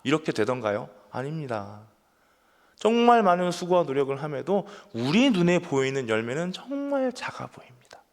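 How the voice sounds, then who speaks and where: Pastor, male, thirties, earnest sermon voice, animated and fairly high, long church reverb. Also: moderate pace. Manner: earnest, asks listeners questions, builds to emphatic peaks. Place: church sanctuary.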